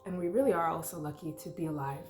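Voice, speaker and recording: Here a young meditation vlogger with a low-sitting voice talks quickly through a casual, unscripted guided meditation from her apartment. She sounds congested and rambles, leaning on lots of "likes" and "ums," while the echoey room carries faint music.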